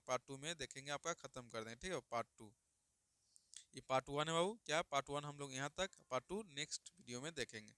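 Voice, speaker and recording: A man's voice: fairly high pitch, bright, forceful tone, clean tone, no echo, studio quality. A man teaching grammar online, repeating each question and answer and calling students "babu.". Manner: calls listeners "babu" affectionately. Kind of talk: online exam-prep lesson.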